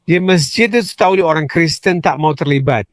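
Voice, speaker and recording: A man narrates a scripted explainer in a measured way. His voice sits a little high, and the dry recording has no reverb. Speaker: voice-over narrator.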